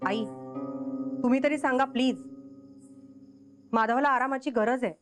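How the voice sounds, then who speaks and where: A woman's voice: sits high, fairly even intonation, unhurried, fairly bright tone, soft background music. An actress playing a caring young wife in a TV drama, firm as she stops a family fight. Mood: stern. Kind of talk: TV drama acting.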